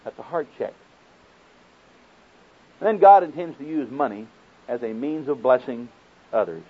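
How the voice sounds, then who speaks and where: A man from Oklahoma, United States, with a matching accent preaches a folksy sermon, quoting scripture and asking his listeners questions. His medium-pitched voice is animated, unhurried and slightly rough. The recording is muffled and narrow, like a phone.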